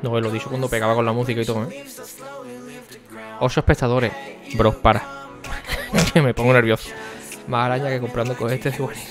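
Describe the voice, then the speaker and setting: A young man, chatting casually on a stream and talking to his viewers by name, often keeping his voice low for the neighbours. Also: fairly even intonation, brisk, long pauses, music in the background. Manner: speaking quietly for the neighbours.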